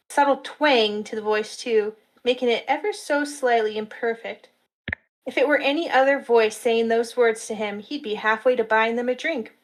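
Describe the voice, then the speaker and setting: A woman narrating a fantasy story in a steady storytelling manner at a live reading. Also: fairly high pitch, rough recording.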